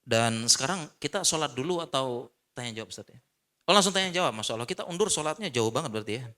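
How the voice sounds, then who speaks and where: A man preaching in a mosque, giving an animated religious lecture to the congregation and repeating short refusals for emphasis. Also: mid-range voice, fast talker. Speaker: Islamic preacher.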